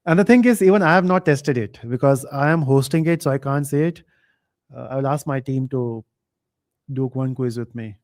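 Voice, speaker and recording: A man hosting a live online quiz, reading chat comments aloud and thinking out loud with fillers. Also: mid-range voice, moderate pace. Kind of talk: casual live stream chat.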